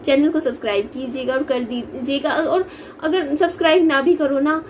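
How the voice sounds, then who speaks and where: Young woman vlogging, high voice, laughs a lot, chatty and rambly, bit of faint noise behind. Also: moderate pace. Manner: chatty, laughs often, many fillers. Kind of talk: casual family vlog chat.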